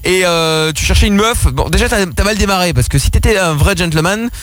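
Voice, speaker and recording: A man's voice: sits high, a little fast, fairly bright tone, dry recording. A man hosting a radio call-in show, talking loosely with lots of fillers as he explains the rules. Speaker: radio host.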